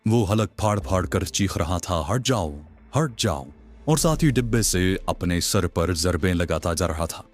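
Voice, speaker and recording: A man's voice: deep voice, moderate pace, few pauses. A man narrating a suspense story audiobook, reading with dramatic storytelling. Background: faint music.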